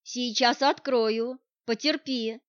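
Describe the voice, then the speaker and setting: A woman's voice: on the high side, fairly even intonation, slow pace, no room sound. Stern forest hermit woman, curt and commanding, audiobook figure, read by a woman. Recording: dull, dry audiobook recording.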